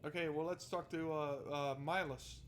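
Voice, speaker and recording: A video game streamer, a man with a somewhat high voice, reads the narration of a story game aloud as part of a let's play. His tone stays steady and his pace moderate, though he breaks off for sarcastic, exasperated commentary. Some background noise can be heard.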